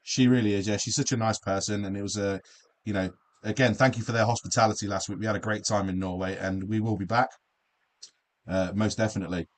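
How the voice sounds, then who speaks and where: A man's voice: fairly low pitch, steady tone, fast, a little hiss or hum. A man from the UK hosting a live darts stream from his home studio shed, chatty and jokey, reading out comments from viewers. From United Kingdom. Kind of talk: casual chat.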